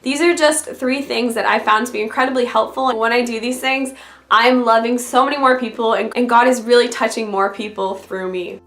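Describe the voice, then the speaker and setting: A woman with a voice raspy from being sick, talking directly and conversationally as a video blogger giving encouraging faith advice. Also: a little high, steady tone, brisk, a bit bright. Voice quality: raspy from illness. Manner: direct, conversational address to the listener. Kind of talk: scripted-feeling encouraging faith vlog talk to camera. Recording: roomy, echoey sound.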